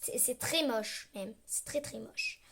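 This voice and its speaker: A woman's voice: a little high, lively intonation, slow pace, a bit bright, husky. A young woman chatting over her gameplay as a vlogger, complaining dramatically and often dropping into a mutter. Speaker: gaming vlogger. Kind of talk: casual gameplay commentary.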